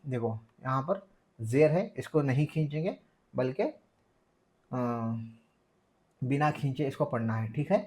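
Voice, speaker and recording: A man teaching a beginners' Quran reading lesson, stretching out each syllable slowly and then explaining quickly, patiently repeating his corrections. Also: mid-range voice, lively intonation, a little mellow. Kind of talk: slow spelled-out reading lesson.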